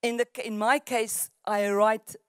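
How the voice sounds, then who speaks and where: A South African author in her sixties, whose first language is Afrikaans, speaks thoughtfully with frequent restarts on an outdoor festival panel among trees, using a handheld mic. Her voice is fairly high, steady, and a little slow with a clean tone, and the sound is clean studio quality with no room sound.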